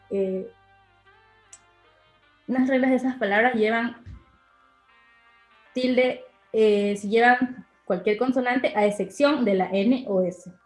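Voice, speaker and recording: A young woman giving a class presentation, hesitant, with many fillers. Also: fairly high pitch. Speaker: student presenter. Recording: echoey room with faint music.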